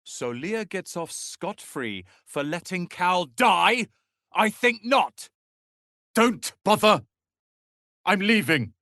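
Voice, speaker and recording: Rolan, a haughty, theatrical young wizard. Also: male voice, high voice, lively intonation, takes it slowly, dry recording, studio quality, exaggerated voice. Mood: furious, desperate. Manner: haughty, theatrical, sharp-tongued. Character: proud, irritable young male wizard apprentice, quick to anger. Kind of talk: dramatic fantasy video game acting.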